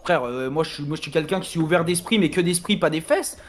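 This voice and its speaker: A man's voice: a little high, fast talker, faint music behind. A man in casual stream banter, teasing and arguing.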